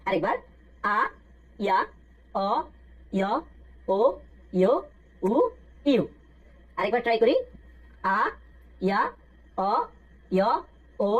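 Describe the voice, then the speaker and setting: A woman's voice: mid-range voice, breathy edge, poor audio. A woman with a Bangladeshi Bengali accent teaching a language lesson, patiently repeating sounds in drills and asking questions that she then answers herself. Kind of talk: step-by-step spoken lesson with repetition drills.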